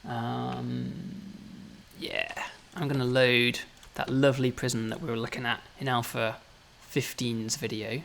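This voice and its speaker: A man developing a game casually walks through its new features, chatty and explanatory, often adding "right?" to his points. His medium-pitched voice is flat, unhurried and fairly bright with vocal fry, over slight background noise.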